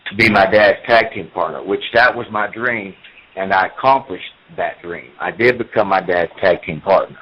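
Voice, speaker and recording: A professional wrestler from the United States, in his forties, speaks at normal speed with a low, slightly rough voice. The sound is lo-fi, and during the interview he goes on at length, repeating himself while recounting his story.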